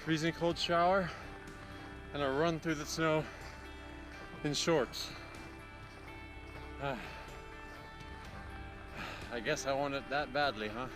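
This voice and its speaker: A man talks casually to his handheld camera on a snowy run, his voice a little higher than average. His lips are numb with cold, so his speech sounds stiff and breathy. Music plays clearly in the background. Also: steady tone, slow, pauses often. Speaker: vlogger. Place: outdoors in snowy woods.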